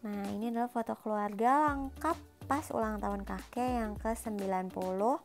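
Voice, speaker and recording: A woman's voice: a little high, normal speed, faint music behind. A young woman casually narrating a house tour, describing rooms one after another. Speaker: vlogger giving a house tour.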